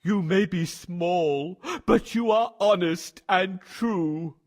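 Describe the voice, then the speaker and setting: A man's voice: sits high, takes it slowly. A man voicing a proud, boastful male lion king in a storybook. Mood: grateful. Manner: roaring, boastful.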